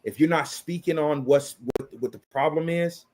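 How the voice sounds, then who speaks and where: A man's voice: a little high, normal speed, a little mellow, a little hiss or hum. A man in his thirties delivering an impassioned opinion rant, blunt and profane, repeating phrases for emphasis.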